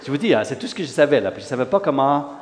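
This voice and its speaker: A man in his sixties from Western Canada, a pastor whose first language is English, giving an animated sermon testimony full of "là" fillers. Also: medium pitch, very fast, a crowd in the background, noisy background. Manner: animated, rising in emphasis, frequent "là" fillers. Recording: long hall reverb.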